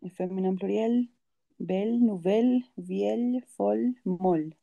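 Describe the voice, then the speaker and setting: A woman's voice: mid-range voice, measured pace, gravelly, warm tone, no echo, highs cut off. A woman student reading a word list aloud in class.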